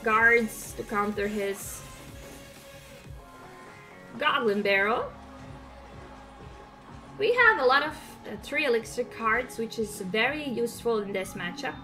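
Over music, a young woman from Croatia comments on her mobile gameplay from a desk at home, speaking slowly with frequent pauses yet very animated. Her Croatian-accented voice is on the high side, and she's upbeat and chatty, humming as she goes.

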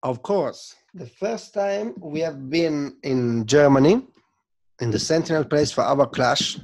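This Italian guest in his thirties, a sound system selector, has a mid-range voice and an Italian accent as he tells stories in a laid-back interview. He's animated, gestures while speaking, and phrases things as a non-native speaker. The video call runs through a desk mic in a home studio room with record shelves.

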